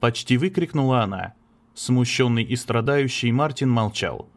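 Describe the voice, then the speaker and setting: A man narrating a novel as an audiobook in a steady, measured way. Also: medium pitch. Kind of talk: scripted literary narration.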